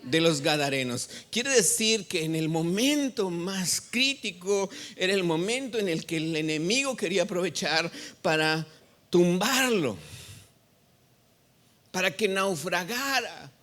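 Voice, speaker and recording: A man's voice: sits high, lively intonation, measured pace, a bit bright. A male pastor preaching a sermon in a church, reading scripture and quizzing the congregation with call-and-response questions. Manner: reads scripture aloud and expounds it. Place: church sanctuary.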